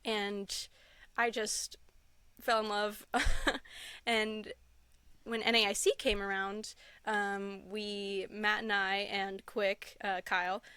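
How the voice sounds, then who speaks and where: A woman podcast guest, a content creator, laughs often and gushes through a casual interview chat full of "like" and "um." Her medium-pitched voice has little pitch movement and a sharp yet smooth tone, and she takes it slowly in a dry recording.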